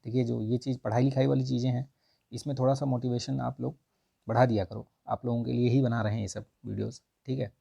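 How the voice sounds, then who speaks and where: A man explaining test answers in a relaxed, chatty lesson, often pausing to check his listeners are following. His voice is gravelly and husky, with a mellow, dark tone. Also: medium pitch, dull audio. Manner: conversational, repeats "ठीक है" often. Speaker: exam prep tutor.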